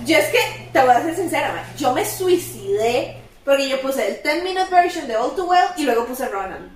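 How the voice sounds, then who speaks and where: A young Costa Rican woman co-hosting a casual chat, animated and slangy, acting out quotes. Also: high voice, moderate pace. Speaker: podcast co-host. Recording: echoey room, mic at a distance.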